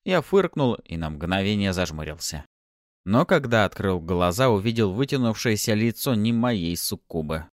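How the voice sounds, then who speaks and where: Expressive male audiobook narrator. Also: lowish voice, normal speed, dry recording, studio quality. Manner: lively, expressive reading. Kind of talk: first-person audiobook narration.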